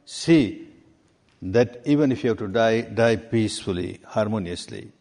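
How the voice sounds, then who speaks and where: A man's voice: fairly low pitch, lively intonation, darkish tone. Man teaching in a hall. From Myanmar. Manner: deliberate, repeats key words for emphasis. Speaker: meditation teacher. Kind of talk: answering questions in a spiritual talk. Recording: long reverb of a hall.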